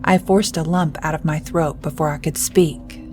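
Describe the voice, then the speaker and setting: A woman narrating a first-person horror story in a scripted read, hushed and tense in places. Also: sits low, steady tone, normal speed, music in the background.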